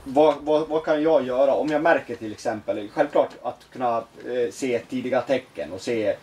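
A man's voice: medium pitch, warm tone, distant mic, a little hiss or hum. A male interviewer who asks questions hesitantly and restarts his sentences often. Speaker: interviewer, soon a teacher. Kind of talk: interview conversation.

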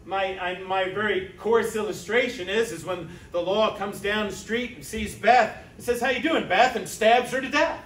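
A man preaching a sermon as pastor, talking conversationally to the congregation with rhetorical asides and quick check-ins. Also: sits high, a bit bright, a little hiss or hum. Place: church sanctuary. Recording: echoey church sanctuary from a distance.

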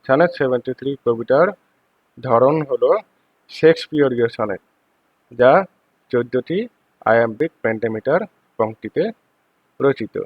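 A man with a Bangladeshi accent giving a lecture, reading English phrases slowly and then explaining them more quickly. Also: mid-range voice, no room sound. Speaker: teacher. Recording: dull lo-fi dry recording.

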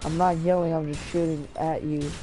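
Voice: medium pitch, flat delivery, moderate pace, warm tone, soft background music. A gamer giving casual commentary over their own gameplay, chatty and talking back to the characters on screen. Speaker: gamer narrating own play.

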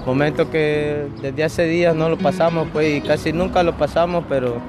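Young man, monotone and plain-spoken, street interview, loud music under it. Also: fairly high pitch, moderate pace. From Honduras. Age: young adult. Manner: plain, even-toned storytelling with filler "pues". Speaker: migrant interviewee. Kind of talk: casual testimony. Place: outdoors on a city street. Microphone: handheld lapel mic held by interviewer.

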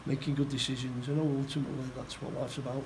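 A middle-aged football manager giving a post-match interview, plain-spoken and halting, often repeating his words. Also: medium pitch, little pitch movement, noisy background. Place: indoor room by a stadium door.

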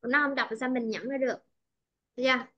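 A Vietnamese woman with a high, bright-pitched voice tutors English pronunciation one-on-one, patiently repeating and checking that her student follows. The sound is dull and lo-fi, like a call. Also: steady tone, quick pace. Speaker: English teacher.

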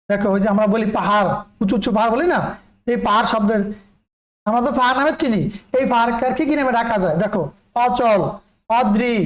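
A teacher from Bangladesh giving a recorded lesson to students. Slowly repeats lists of words and asks questions that he then answers himself. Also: medium pitch, reverberant, poor audio.

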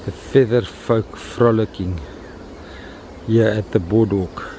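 Filming a morning walk on a windy beach, a South African man narrates his vlog informally, repeating phrases for emphasis. His lowish voice is steady and mellow, and he takes his time. The low-quality recording picks up wind and outdoor ambience.

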